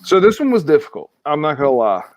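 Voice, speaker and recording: A man's voice: on the high side, very animated, quick pace, a little mellow, highs cut off. A man co-hosting a casual sports podcast, rambling with restarts as he weighs his pick. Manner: rambling, many restarts, enthusiastic. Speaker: podcast co-host.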